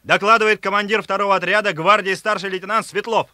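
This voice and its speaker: An actor playing a seasoned, thoughtful Soviet torpedo-boat officer who explains things in a plain, instructive way in a war drama. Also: male voice, sits high, fairly even intonation, fast, sharp tone. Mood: barking, formal. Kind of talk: Russian war drama dialogue.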